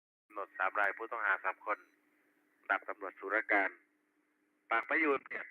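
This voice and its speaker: A fairly low-pitched man speaking at a normal speed works as a police radio dispatcher, reading back reports over a walkie-talkie in clipped, formulaic roll-call style. His voice carries a two-way radio effect, and the recording is tinny and narrowband with faint noise.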